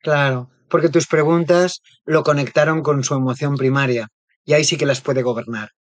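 A man's voice: on the high side, fairly even intonation, moderate pace, dry recording. A man, a therapist being interviewed, explaining ideas thoughtfully and often checking in with little tag questions. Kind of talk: reflective interview talk.

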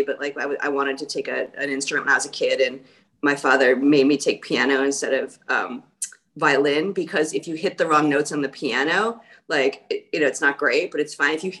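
Wry low-voiced woman author guest. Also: a bit bright. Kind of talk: casual panel chat.

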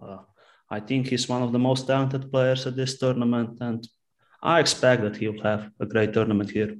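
A man from Slovenia speaks as a podcast guest. He talks at a middle pitch and keeps his remarks short and measured. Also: little pitch movement.

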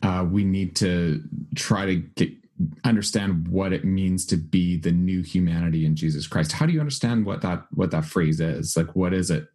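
A man interviewing a guest, asking questions haltingly and rephrasing as he goes. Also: low voice, darkish tone, husky.

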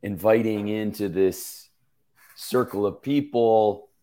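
Gravelly, tired low-voiced man. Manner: relaxed, unhurried riffing with fillers. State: hoarse from smoking and tiredness. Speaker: podcast guest. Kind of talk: casual podcast conversation.

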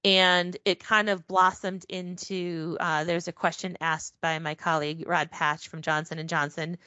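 A woman's voice: lowish voice, flat delivery, unhurried, sharp tone, clean tone, no room sound, highs cut off. A woman guest in a casual interview, chatty and full of ums and restarts, speaking over a call. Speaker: podcast guest, packaging professional.

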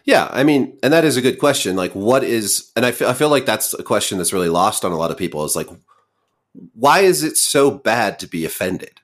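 A man hosting a podcast, talking in a thoughtful, relaxed way and laughing easily. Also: fairly low pitch, a little fast. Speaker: podcast host. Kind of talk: casual conversation.

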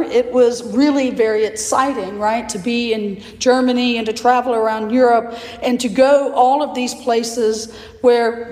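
Woman, priest, raspy, hoarse, measured sermon, long church reverb. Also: on the high side, a little mellow. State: hoarse from allergies. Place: church sanctuary.

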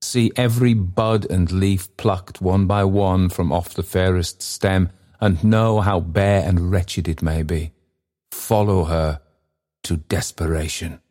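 An unearthly bell spirit passes solemn judgment in a deep, low voice, played by a man. It speaks slowly and gravely, laying out its accusations one by one. The tone is stern and unyielding, with the weight of a verdict. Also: fairly even intonation, mellow. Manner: stern, grave, measured pronouncements.

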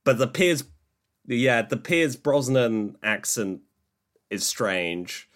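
A male podcast co-host talks in a loose, relaxed way, his casual chat packed with fillers like "like" and "uh". His voice is mid-range and slow.

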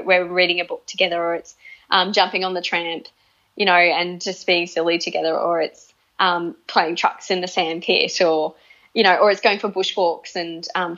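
A woman's voice: lowish voice, a bit bright. Australian woman repeating words, slightly dull audio. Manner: often repeats words and restarts phrases as she thinks aloud. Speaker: interview guest, parent. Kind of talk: relaxed conversational interview.

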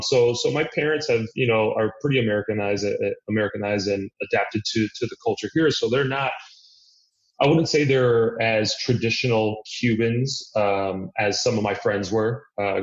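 A man from Miami, a podcast guest, talking earnestly and reflectively, thinking aloud with frequent restarts. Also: fairly low pitch. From Miami, United States. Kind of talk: reflective conversational interview. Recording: echoey room, dull lo-fi sound.

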